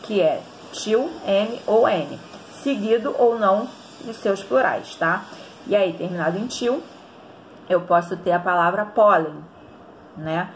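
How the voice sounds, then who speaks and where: A woman's voice: medium pitch, lively intonation, unhurried, slight background noise. A woman with a Brazilian Portuguese accent teaching an online grammar lesson, explaining step by step and often checking in with the students.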